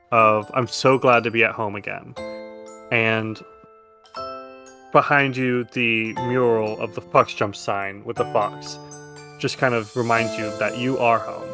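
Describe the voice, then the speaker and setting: With a mid-range, sharp-toned voice, a man acts as game master, casually narrating an improvised tabletop game and dropping informal asides about the rules. Background music plays beneath his table talk.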